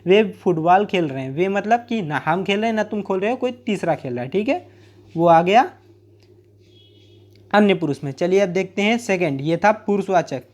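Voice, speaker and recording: A man's voice: sits high, expressive, moderate pace, darkish tone. A man teaching a grammar lesson, explaining plainly with everyday examples and repeating key points.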